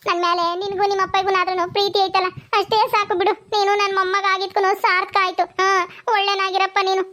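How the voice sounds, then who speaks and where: A woman's voice: very high-pitched, level tone, quick pace, sharp tone. A woman voicing a stubborn, quarrelsome old grandmother in a cartoon comedy, scolding and defiant. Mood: tender. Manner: scolding, defiant, ends lines with "haa?". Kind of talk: village cartoon comedy voice acting.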